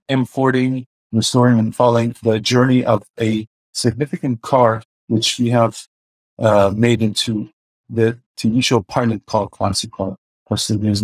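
Over his webcam in a home room, this forties-aged car filmmaker, accented with a mix of Iranian and Swedish, gives a hesitant video call interview riddled with fillers. His medium-pitched voice is a little mellow and slightly rough, recorded at low quality with no echo.

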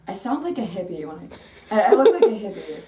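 A woman's voice: medium pitch, very animated, fast talker, dark tone. A teenage girl who is sick, chatting playfully and quirkily with her friend while shopping, on a handheld camera in a store. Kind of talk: casual chat while shopping. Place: indoors in a store. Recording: noisy store ambience.

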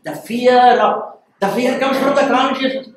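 The voice comes from a distance in a very echoey room. It is a man in his sixties with a South Indian Tamil accent, very high for a man. He lectures like a storyteller, emphatic and declamatory. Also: moderate pace, a bit bright, a little hiss or hum. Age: 60s. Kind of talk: animated storytelling lecture with acted dialogue. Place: small lecture room, standing before a seated audience. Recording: echoey room, far from microphone.

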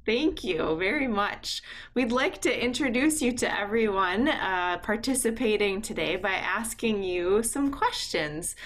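A woman interviews a guest on a video call and asks friendly, welcoming questions. Her voice sits at an ordinary pitch. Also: animated, unhurried, fairly bright tone.

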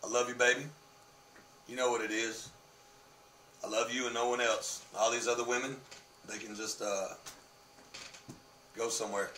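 A brash man in his thirties vlogs casually from his home living room, swearing and gesturing animatedly, his voice worn from losing it. He speaks at a moderate pace in a mid-range voice with frequent pauses. A desk webcam gives roomy, distant sound with a little hiss or hum.

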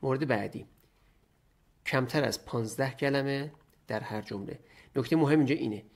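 A man recording a casual screen tutorial, thinking aloud and dictating in slow, halting bits as he types. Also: medium pitch. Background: keyboard typing and mouse clicks.

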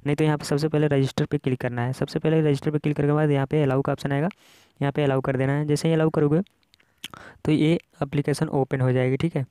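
A man's voice: on the high side, level tone, fast talker, dark tone, smooth, dry recording. A man with an Indian accent hosting a casual app tutorial, explaining things step by step in a repetitive way. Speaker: tech tutorial host.

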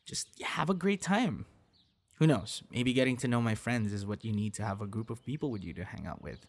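At a medium pitch, a young man speaks briskly and expressively as a friendly, coaxing character in a one-sided ASMR roleplay for the listener. He comes across as earnest, sighing and reacting breathily as he coaxes.

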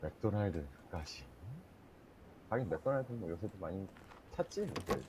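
A man's voice: sits low, expressive, moderate pace, a little mellow, a little hiss or hum. A man chatting with his squad during an online shooter match, calling out positions and teasing the others. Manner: calls out positions and teases squadmates. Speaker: squad player. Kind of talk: casual gaming chat.

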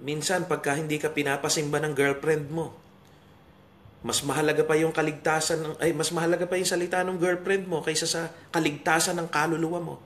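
A man's voice: on the high side, flat delivery, brisk, a bit bright. A man from the Philippines preaching a morning devotion, emphatic, with rhetorical questions and calls of hallelujah. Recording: roomy hall with faint ambience.

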